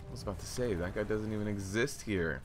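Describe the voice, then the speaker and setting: Chatty low-voiced man streaming a game. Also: fast. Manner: chatty, laughing, thanks chat. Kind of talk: casual live stream commentary. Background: game music.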